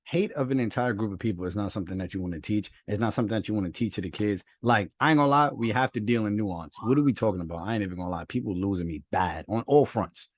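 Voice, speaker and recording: Young man, podcast co-host, low voice, dry close sound, animated, slangy, laughs easily. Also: fast, hardly any pauses, dry recording. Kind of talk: casual chat. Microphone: own mic at home, phone nearby.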